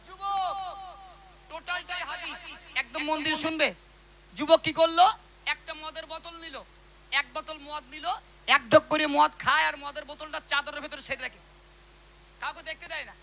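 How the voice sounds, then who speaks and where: High bright preacher guy, talks real fast, animated, keeps calling out to the crowd. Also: gravelly, slight background noise, rough recording. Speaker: ghazal singer and preacher. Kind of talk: storytelling religious talk to a live audience.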